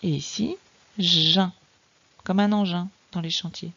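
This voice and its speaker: A woman teacher giving a patient, slow, explanatory reading lesson to a young child. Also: fairly low pitch, fairly even intonation, vocal fry, darkish tone, highs cut off, a little hiss or hum. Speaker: primary school teacher.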